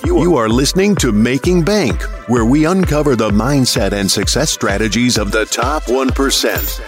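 A male announcer delivers a loud, punchy show intro. Faint music plays under his voice at a middling pitch. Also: moderate pace. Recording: voice over music bed.

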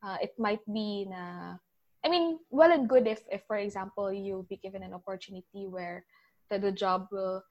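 A chatty young Filipino woman gives big-sister advice in a relaxed interview, her voice at a middling pitch. She talks freely and often lets her sentences drop away softly. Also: normal speed, highs cut off. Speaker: interview guest, older sister. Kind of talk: casual interview mixing English and Tagalog.

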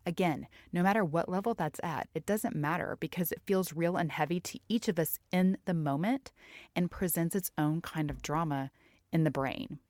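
Middle-aged woman, podcast host, low voice, dry booth sound, candid reflective chat. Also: moderate pace, a little mellow, no echo. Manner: candid, reflective, conversational with fillers. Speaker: podcast host and health coach. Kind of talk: personal faith-based podcast talk.

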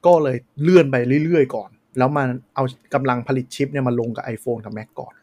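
A man's voice: medium pitch, fairly quick, a little mellow. A man co-hosting a casual tech podcast, explaining at length with many fillers. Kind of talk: casual chat.

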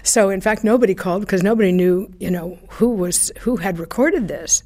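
Reminiscing in an interview, a former radio broadcaster, now older, tells chatty stories of her years on air, sprinkled with fillers and small laughs. She speaks briskly in a mid-range, warm voice.

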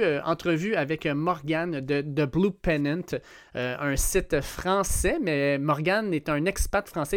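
A man's voice: fairly high pitch, dry recording, clean studio sound. A man with a Québécois French accent hosting a casual podcast interview, talking with frequent hesitations. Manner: hesitant, many fillers. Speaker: podcast host.

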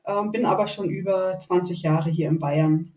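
A 48-year-old woman from Rostock, with a northern German accent, hesitantly tells her own story as a guest in a casual podcast interview. Her voice is fairly low and dark-toned at a moderate pace, recorded in an echoey room far from the mic.

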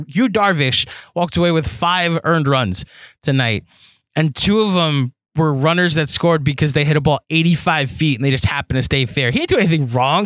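A young man hosting a solo sports podcast, talking in an animated, rambling way with lots of fillers and restarts. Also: a little high, dry recording. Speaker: podcast host.

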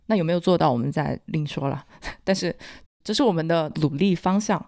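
Lower-voiced woman podcaster with a Hunan accent. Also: fairly quick, vocal fry, darkish tone, no room sound, studio quality. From Hunan, China. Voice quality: mixes up L and N sounds. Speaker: podcast co-host. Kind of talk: casual podcast chat.

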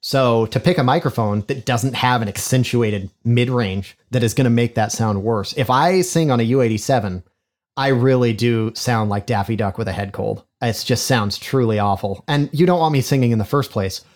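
Speaking at a moderate pace with a medium-pitched, nasal and honky voice, a man chats casually as a podcast guest. He is a microphone designer with a chatty, self-deprecating manner. The recording uses a studio condenser mic in a figure-eight pattern.

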